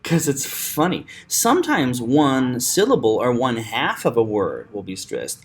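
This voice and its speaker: A man teaching acting script marking in a chatty, animated screen-recorded tutorial, laughing often. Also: medium pitch, unhurried.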